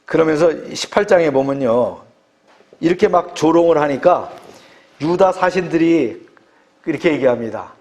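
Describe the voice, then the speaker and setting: High-voiced male pastor preaching. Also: animated, moderate pace, darkish tone. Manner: emphatic preaching, punctuated by frequent short affirmations. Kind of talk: sermon.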